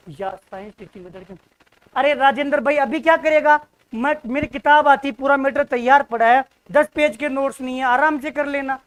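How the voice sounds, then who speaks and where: A man's voice: very high-pitched, a bit bright. A young man teaching an exam-prep lesson in an informal, direct, exhorting way, often repeating his points. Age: young adult. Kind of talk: informal classroom lecture.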